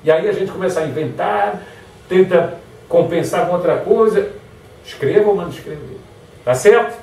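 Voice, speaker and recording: A man's voice: sits high, moderate pace, a little hiss or hum. A man giving a motivational lecture, acting out example phrases in different tones. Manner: lively, acts out example phrases in varied tones. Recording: echoey hall from far off.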